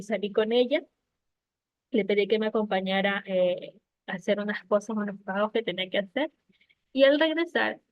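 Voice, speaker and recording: A woman's voice: medium pitch, no echo. Woman telling a testimony over a tinny call. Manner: heartfelt, storytelling with many fillers. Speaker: member sharing a testimony. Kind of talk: casual testimony at a prayer meeting. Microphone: online call. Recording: tinny phone-like call audio, dry.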